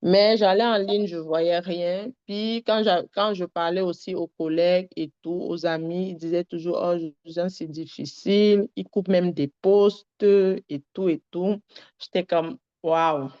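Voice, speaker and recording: A woman's voice: on the low side, fairly even intonation, measured pace, dark tone, clear, resonant tone. Earnest woman rambling through a testimony. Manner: rambling, earnest, many fillers. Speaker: testimony giver. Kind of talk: personal testimony on a call-in. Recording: dull lo-fi sound.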